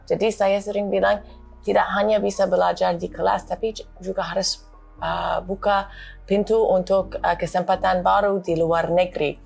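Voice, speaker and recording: A woman from Boston with an American accent, a native English speaker speaking Indonesian as a foreigner, haltingly searching for words as she answers in an interview. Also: mid-range voice, little pitch movement, vocal fry, a little mellow, slightly rough, soft background music. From Boston, United States. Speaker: cultural attaché, interview guest.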